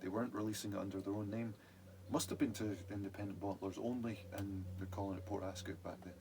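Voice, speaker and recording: Male podcast co-host, lower-pitched, halting and meandering in relaxed drinks chat, some background noise. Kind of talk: casual boozy whisky chat.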